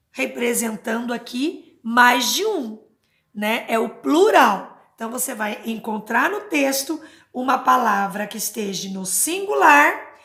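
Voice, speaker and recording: A woman teacher giving a slow, patient grammar lesson to children, sounding out words syllable by syllable and checking in with short questions. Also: high voice, vocal fry, sharp tone, echoey room. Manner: checks understanding with tag questions.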